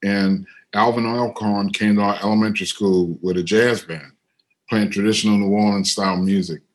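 A middle-aged man with a fairly low voice tells a story from his life at an easy pace. He speaks into a computer on a video call and fills his talk with little asides. He brightens and lifts his voice when he acts out other people. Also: normal speed. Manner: animated when quoting others, otherwise easygoing with fillers. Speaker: interviewed musician and composer. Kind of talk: relaxed storytelling.

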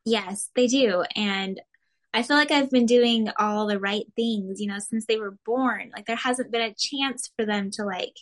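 A woman from Arizona, a mother and recipe blogger, talking as an interview guest in a relaxed, rambling way with lots of "like" and light laughs. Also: a little high, unhurried. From Arizona, USA. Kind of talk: casual interview chat.

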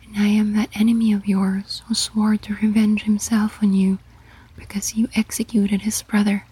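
A wounded bearded man confesses in a weak, breathy whisper, as a woman reading a storybook puts him on. The tone is mellow and even. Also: medium pitch, moderate pace, low-quality recording. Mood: remorseful. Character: wounded bearded male enemy, weak and remorseful.

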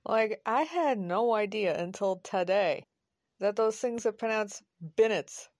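An easygoing young man, newly settled in town, talks in a relaxed and wry manner, as a woman narrator reads his part. The delivery is unhurried, in a medium register. The sound is dry and close, with no room around it. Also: medium pitch, dry recording, lightly acted.

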